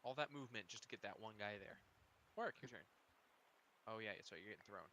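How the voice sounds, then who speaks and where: A man running a tabletop game as dungeon master, easygoing and quick with rulings as he calls each player's turn. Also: lowish voice, lively intonation, noisy background.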